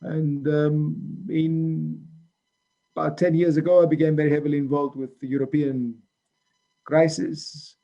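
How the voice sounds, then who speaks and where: A man's voice: on the high side, flat delivery, a little slow, gravelly, mellow, lo-fi sound. A man in his sixties, born in Greece, answering interview questions thoughtfully, with many ums and restarts. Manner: hesitant, frequent ums and restarts. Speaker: economics professor, interview guest.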